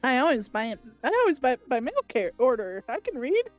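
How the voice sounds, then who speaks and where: A woman's voice: on the high side, very animated, fast, soft background music. A woman reading a perky young female thief's lines playfully, stumbling over words, during a game played with friends.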